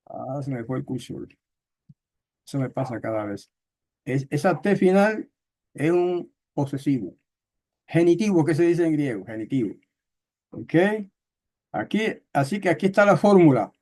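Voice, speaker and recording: Man teaching a slow Bible lesson. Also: on the high side, animated, warm tone. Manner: explanatory, with frequent fillers and checks like "¿ok?"; slow, careful reading of Hebrew text.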